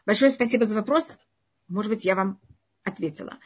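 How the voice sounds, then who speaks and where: A woman's voice: mid-range voice, a little fast, breathy edge. A woman speaking as a non-native with a foreign accent, teaching a live online religious lesson, emphatically repeating and rephrasing her points. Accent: foreign, non-native Russian. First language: not Russian. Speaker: religious teacher answering audience questions. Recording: dull, lo-fi online stream audio.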